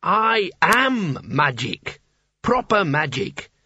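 Man doing a pompous talking wizard hat, raised voice, commanding, husky, storybook reading. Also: high-pitched, very animated, very slow, bright, forceful tone, dry recording, highs cut off, voice pushed up, exaggerated voice. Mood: lofty. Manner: imperious, grandiose, sarcastic.

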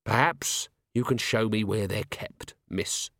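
A man voicing a shrewd male watch commander in an audiobook, dry and gently probing. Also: fairly low pitch, slow, creaky, no room sound, heavily acted. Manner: dry, gently coaxing questions.

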